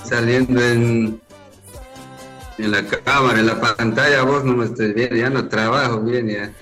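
A man's voice: medium pitch, steady tone, unhurried, sharp tone. A man calling in by mobile phone, flirting in a laid-back way. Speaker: caller. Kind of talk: phone call-in banter. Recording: phone call with music behind.

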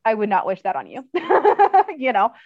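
A woman's voice: a little high, big pitch swings, unhurried, no room sound. A woman who trains dogs, speaking as an interview guest in a casual, chatty way, full of fillers and laughter, on slightly dull audio.

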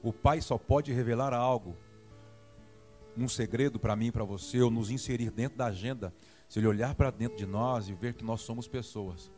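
A man's voice: medium pitch, moderate pace, faint music behind. A man with a Brazilian Portuguese accent preaching a sermon, acting out dialogue and prodding the congregation. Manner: animated, acts out dialogue and prods the congregation.

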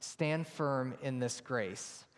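A congregation of men and women reading scripture aloud together in unison with the pastor, slow and measured, in a church. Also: mid-range voice, big-room sound. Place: church sanctuary.

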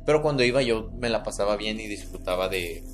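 A man's voice: lowish voice, fairly quick, soft background music. A man with a Mexican accent, telling a creepy childhood story in casual chat and often checking in with his listener. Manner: tells a spooky tale, checking in with "¿no?" and "¿verdad?". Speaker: podcast storyteller.

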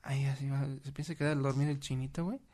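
A man's voice: medium pitch, very fast. A young man with a Mexican accent telling a story in casual, slang-filled chat. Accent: Mexican Spanish. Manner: slangy, laughing, animated storyteller.

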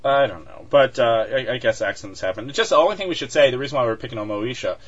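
In a casual podcast chat, this male co-host talks fast and laughs often, stumbling through many fillers and restarts. His mid-range voice is fairly bright with lively intonation, heard through dull lo-fi audio.

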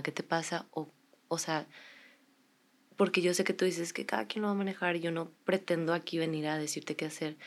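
A woman hosting a podcast interview, supportive and affirming. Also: on the low side. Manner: supportive and affirming, with frequent short agreements. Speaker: podcast host.

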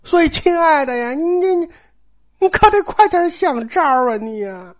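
Worried, pleading young wife, soft and coaxing, as a storyteller puts her on, lively pitch. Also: normal speed.

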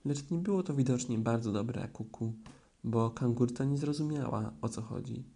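A man narrating a children's storybook in a gentle storytelling manner. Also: mid-range voice, normal speed, creaky. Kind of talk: children's audiobook reading.

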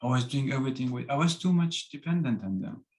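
A man from Iran talks in a relaxed interview. His pitch sits mid-range, and he works through phrasing with plenty of restarts. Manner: halting, with restarts and non-native grammar. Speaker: guest. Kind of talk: casual interview talk.

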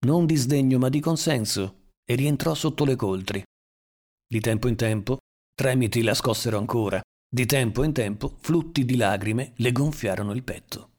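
A man narrating a literary novel in a measured, even reading style. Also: medium pitch. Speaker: audiobook narrator.

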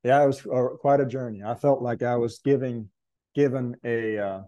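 A man's voice: mid-range voice, steady tone, moderate pace, mellow. A man earnestly recounting a spiritual experience as an interview guest, reflective and searching for words. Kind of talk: conversational testimony.

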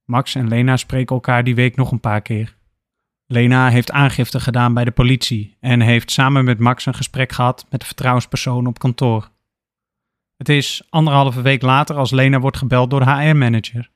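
A man narrating an audiobook story in a steady, even delivery. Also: mid-range voice, moderate pace, dry recording, clean studio sound.

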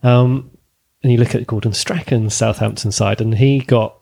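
Male podcast host, gravelly voice, halting casual talk. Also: mid-range voice, fairly even intonation, dark tone. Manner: hesitant, halting. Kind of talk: casual football chat.

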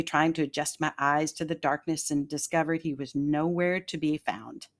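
A woman hosting a devotional podcast, telling a personal story in a calm, earnest, measured way and slowing down on key phrases. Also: sits low.

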